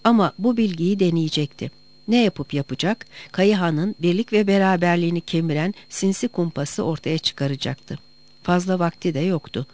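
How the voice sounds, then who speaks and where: A narrator reading a historical novel aloud in a measured, storytelling manner. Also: mid-range voice, a little mellow. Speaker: audiobook narrator.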